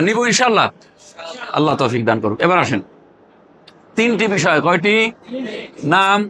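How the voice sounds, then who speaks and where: With big pitch swings and a moderate pace, a Bangladeshi man's high, bright, forceful voice guides a Quran recitation class. He questions the group again and again, has them answer aloud, and drills terms in chanted repetition, classic call-and-response teaching.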